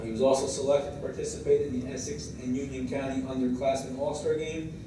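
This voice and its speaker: An American man, a head coach giving a semi-scripted tribute speech in a halting way, moving between read-out praise and informal asides. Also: medium pitch. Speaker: high school baseball head coach. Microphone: distant microphone. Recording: very echoey room, distant mic, clear background noise.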